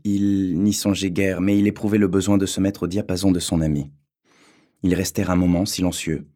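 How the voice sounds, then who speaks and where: A man reading a novel excerpt aloud from a textbook in a steady, measured way. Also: low voice. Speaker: reader.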